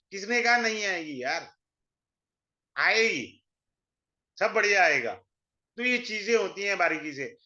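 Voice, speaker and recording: Man, astrology teacher, bright edgy tone, muffled lo-fi sound. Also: sits high. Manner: chatty, mixes Hindi and English, blunt asides. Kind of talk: informal online class lecture. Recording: dull lo-fi sound.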